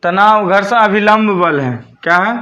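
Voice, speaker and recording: A man's voice: high voice, unhurried, bright, forceful tone, muffled recording. A man teaching a school physics lesson, dictating notes and repeating key terms back as questions for his students.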